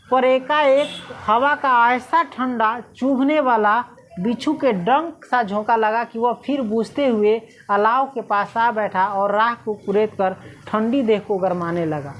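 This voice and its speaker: A woman's voice: on the high side, slow, a little hiss or hum. A woman teacher. She explains a Hindi story lesson, reading each line and then retelling it in local dialect, often asking "है ना?".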